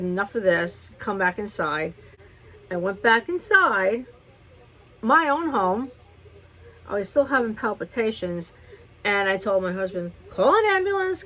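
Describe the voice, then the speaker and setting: Woman doing a grwm storytime, chatty and rambling, gets animated, talks while putting on makeup. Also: mid-range voice, rough recording. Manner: rambling, animated retelling with restarts. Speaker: beauty vlogger. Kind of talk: chatty get-ready-with-me storytime.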